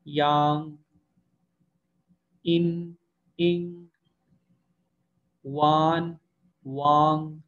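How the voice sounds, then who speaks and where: A man's voice: a little high, dull audio. A man teaching an online language class, explaining pronunciation patiently and drawing out example syllables. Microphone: online class recording.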